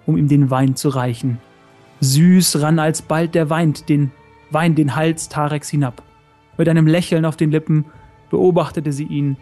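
A man reading a story aloud in a calm, measured way. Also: on the high side. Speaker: narrator. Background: faint music.

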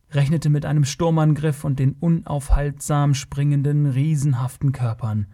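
A man narrating an adventure audiobook in a measured, even storytelling manner. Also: mid-range voice. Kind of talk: scripted narration.

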